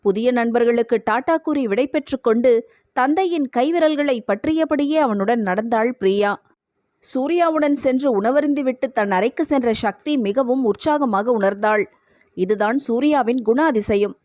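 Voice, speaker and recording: A woman narrates an audio novel in a steady, measured storytelling voice. Her voice sits fairly high for a woman and is recorded close and completely dry, with no room sound behind it. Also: dry recording.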